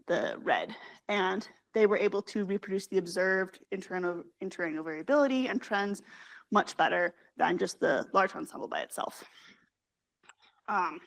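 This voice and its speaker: Young woman, graduate student, conference presentation, hurried, lots of ums and self-corrections, mid-pitched voice. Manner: fast, hurried delivery with frequent fillers and self-corrections. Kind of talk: scientific conference talk.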